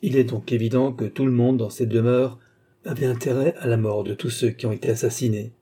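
A man narrating a mystery story aloud in a measured, dramatic way. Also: medium pitch, steady tone, warm tone, breathy edge.

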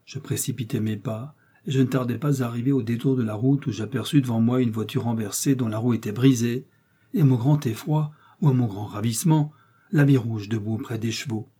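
A man reading a story aloud in a grave, steady narration. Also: medium pitch, brisk, husky. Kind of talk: audiobook reading.

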